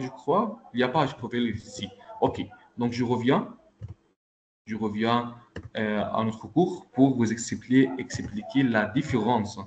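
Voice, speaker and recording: A man's voice: medium pitch, a little mellow, highs cut off. Patient male teacher on a video call. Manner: patient, repeats checks like "ok?" and "d'accord?". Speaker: Arabic teacher. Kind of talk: online class teaching.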